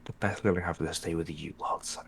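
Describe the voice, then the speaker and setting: A man playing a weary, betrayed adventurer in tabletop role-play, speaking in a halting, wry way. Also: sits low, fairly even intonation, gravelly, a little hiss or hum. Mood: weary, dismayed.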